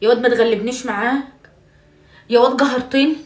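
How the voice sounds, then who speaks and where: A woman's voice: fairly high pitch, steady tone, fast. An Egyptian woman playing a mother in a comic family video. She coaxes and scolds her son, swears oaths and piles on endearments. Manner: pleading and scolding by turns, with swearing oaths and loud bursts of exasperation; affectionate endearments, often dropping to a hushed, half-whispered tone.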